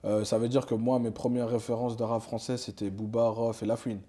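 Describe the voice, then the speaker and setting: As a rapper guest in an interview, a young Swiss man speaks in a casual, slang-heavy style peppered with fillers and restarts. His voice is medium in pitch, level and mellow, with a brisk pace.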